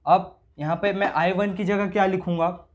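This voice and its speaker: A man's voice: high-pitched, steady tone, normal speed. A man teaching circuit analysis, working through each step casually and asking himself questions as he goes. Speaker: engineering teacher. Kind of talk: explaining circuit problems on a board.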